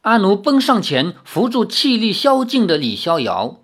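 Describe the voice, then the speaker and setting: A storyteller reading a novel aloud, expressive, dropping low and soft on the sad passages. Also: moderate pace. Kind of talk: read-aloud novel narration.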